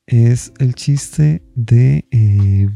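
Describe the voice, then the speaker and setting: Gravelly Costa Rican man, dark voice. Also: medium pitch, drawn-out words, no room sound. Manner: relaxed, rambling with many fillers. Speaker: stand-up comedian. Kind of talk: casual personal storytelling.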